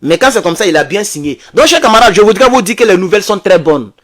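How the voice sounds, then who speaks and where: Man, lively voice, high-pitched, excitable commentary, rhetorical questions to viewers. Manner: reads English then translates haltingly. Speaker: political commentator. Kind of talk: animated political commentary to viewers.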